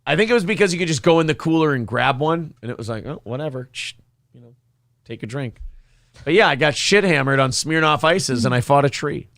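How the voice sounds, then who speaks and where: Cocky male talk show host, higher-pitched voice. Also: lively intonation, fast talker, gravelly, hardly any pauses, a bit bright, dry recording, studio quality. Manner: cocky, taunting, mock-apologetic; profane. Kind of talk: live talk show banter, answering listener comments.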